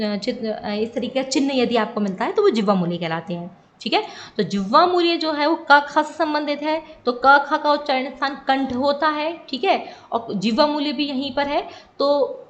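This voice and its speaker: A woman Sanskrit teacher giving an exam-prep lesson, explaining step by step and often pausing to check that students follow. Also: sits high. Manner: patient, repeats "ठीक है" to check understanding.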